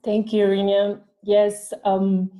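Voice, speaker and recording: A woman speaks as an interview guest, her voice warm and soft in tone. She holds a fairly even, unvaried pitch. She talks in a halting way, often restarting phrases as she reaches for the right words. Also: rough recording. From Bosnia and Herzegovina. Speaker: guest, business development leader. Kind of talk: casual interview conversation.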